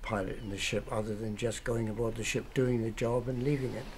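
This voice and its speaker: An older man, a retired harbour pilot, speaking in a measured, thoughtful way in a documentary interview. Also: mid-range voice, fairly even intonation, a little hiss or hum. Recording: music playing underneath.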